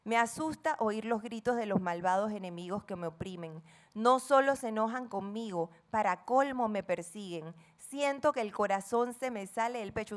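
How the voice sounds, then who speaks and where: A middle-aged woman with a Panamanian accent preaching a sermon, reading scripture dramatically and asking the congregation questions. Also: a little high. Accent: Panamanian Spanish. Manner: playful asides acting out friends' chatter.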